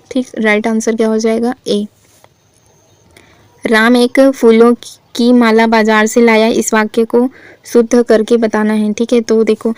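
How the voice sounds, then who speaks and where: Woman teacher with a steady, level voice. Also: on the high side, smooth, no room sound. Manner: steady teacherly delivery, asking and answering her own questions. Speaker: Hindi grammar teacher. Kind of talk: exam-prep lesson, reading and correcting sentences.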